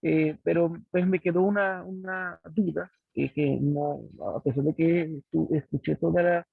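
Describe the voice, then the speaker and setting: A man in a study class asking a hesitant, halting question over a crackly phone line. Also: a little high, fairly even intonation, gravelly, husky, no echo. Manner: hesitant, halting, full of pauses and restarts. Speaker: student in a Bible study class. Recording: tinny phone-like line, dry.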